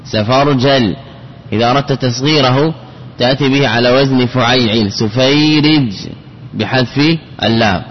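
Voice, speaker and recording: Speaking at normal speed with a medium pitch and fairly even intonation, a man teaches classical Arabic grammar. He drills the patterns by repeating words and stretching them syllable by syllable, his voice echoing with long reverb as though in a large hall. The audio is dull and lo-fi, with a faint background hiss.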